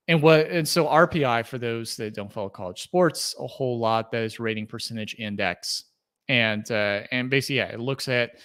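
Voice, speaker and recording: Smooth-voiced man hosting a sports podcast. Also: mid-range voice, a bit bright. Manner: rambling, many fillers and restarts, thinking aloud. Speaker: podcast host. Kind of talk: casual solo podcast commentary.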